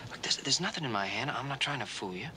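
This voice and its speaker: A young actor playing a rancher who patiently coaches a deaf girl, repeating words slowly and gently in a 1960s TV western. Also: mid-range voice, lively intonation, background noise, close to an everyday voice. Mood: patient coaxing. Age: young adult.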